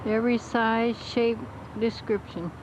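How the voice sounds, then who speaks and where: A woman's voice: a little high, fairly even intonation, measured pace. A woman narrating her own home video outdoors, describing the scenery plainly on old camcorder audio. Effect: old camcorder audio, muffled with faint hiss. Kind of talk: casual narration while filming. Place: outdoors by a lake and campground. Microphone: built-in camcorder mic. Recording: muffled lo-fi camcorder tape with faint hiss.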